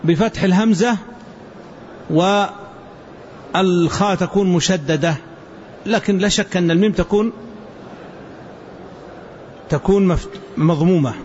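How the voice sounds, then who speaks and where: A man teaching a hadith lesson to students, explaining word forms slowly and repeating them so the class can follow. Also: sits high, a little mellow. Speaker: religious teacher. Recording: dull lo-fi with faint hiss.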